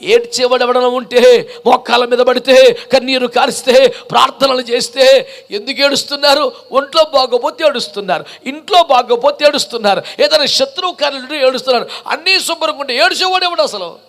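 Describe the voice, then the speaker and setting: A male pastor preaching a passionate sermon, piling up rhetorical questions and building to shouted peaks. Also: very high-pitched, a little fast.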